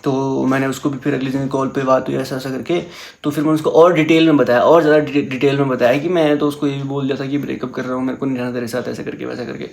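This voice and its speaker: A young man telling a personal story in casual chat, animated and mixing English words into his talk. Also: medium pitch, fast, creaky, a little hiss or hum. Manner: animated, mixes English into Hindi.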